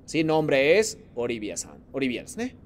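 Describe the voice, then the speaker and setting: A man's voice: mid-range voice, wildly swooping pitch, moderate pace, slight background noise. A man teaching a Japanese class in Spanish, patiently calling on students by name and mixing Japanese phrases into his explanations. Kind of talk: online class lesson.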